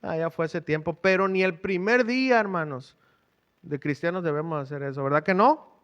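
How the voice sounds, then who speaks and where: A man's voice: a little high, normal speed, fairly bright tone, smooth, lo-fi sound. A middle-aged man preaching a sermon, questioning the congregation in a conversational way. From Mexico. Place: church.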